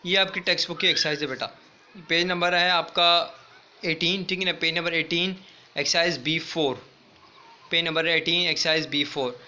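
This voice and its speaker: A man teaching a recorded English class in a high, very bright and sharp voice. He is patient and repetitive, spells words out letter by letter, and keeps asking whether his students are following. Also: fairly even intonation, normal speed, dull audio. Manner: patient, repetitive, checks in with "theek hai" often. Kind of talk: recorded online class lecture.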